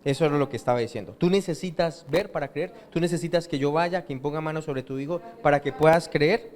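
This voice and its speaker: A male pastor preaching a sermon and often pausing to ask the congregation to fill in words. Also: a little high, a little mellow. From Colombia. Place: church hall. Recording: reverberant church hall.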